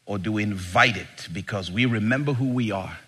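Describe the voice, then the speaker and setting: A man's voice: lowish voice, brisk, sharp tone, breathy edge. A man preaching an impassioned sermon in the style of a rally speech, with emphatic rhetorical questions and dramatic swings between restraint and full force.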